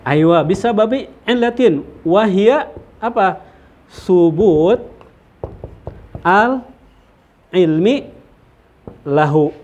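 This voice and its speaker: A man teaching a study circle lesson, explaining slowly with many fillers and Arabic terms and checking in with his listeners. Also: high voice, darkish tone. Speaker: teacher of Islamic theology.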